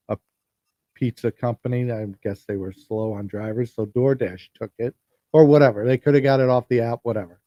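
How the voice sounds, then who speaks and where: A man's voice: mid-range voice, mellow, no room sound, studio quality. A man hosting a podcast livestream, chatting casually and rambling, often repeating and restarting his sentences. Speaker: podcast host. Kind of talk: casual solo livestream talk. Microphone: phone.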